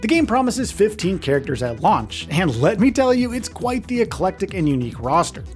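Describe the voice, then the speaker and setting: Lively man narrating a countdown. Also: high voice, a little fast. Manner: enthusiastic, informal. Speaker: video game countdown narrator. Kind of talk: scripted top ten countdown narration. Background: music.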